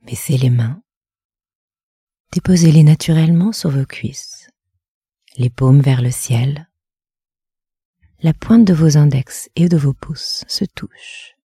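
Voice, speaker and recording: A woman leading a guided meditation in a soft, half-whispered, measured voice. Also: sits low, breathy edge, no echo, studio quality.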